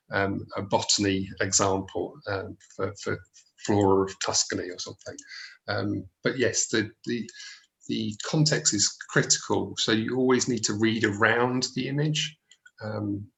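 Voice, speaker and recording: A man with a South London accent presenting informally in a webinar, halting and often repeating his words. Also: fairly low pitch, vocal fry, a bit bright, poor audio.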